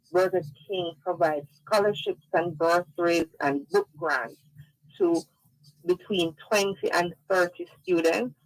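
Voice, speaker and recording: A woman's voice: lowish voice, no room sound, poor audio. A woman, a company sales and marketing head, explaining a program in a businesslike way as a radio guest. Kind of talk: radio interview.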